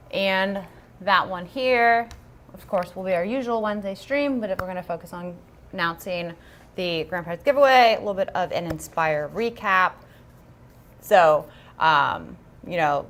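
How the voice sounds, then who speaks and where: A woman with a medium-pitched, fairly bright voice co-hosts a casual livestream. She's chatty and upbeat, says um a lot, and has a self-deprecating streak.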